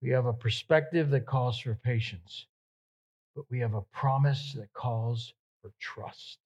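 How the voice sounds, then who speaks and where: A male pastor preaching a sermon, repeating words for emphasis and swinging between loud emphatic peaks and soft, hushed passages. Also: medium pitch, measured pace, breathy edge.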